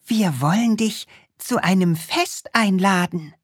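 A woman's voice: medium pitch, breathy edge, dry recording, voice pushed up. A woman voicing a small, cheerful, eager male storybook character who coaxes and hurries the others along. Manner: pushy and hurried, coaxing.

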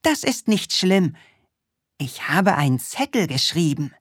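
A woman's voice: lowish voice, sing-song, husky, no echo, studio quality, voice pushed up, exaggerated voice. A woman voicing a small, cheerful, eager male storybook character who coaxes and hurries the others along. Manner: pushy and hurried, coaxing.

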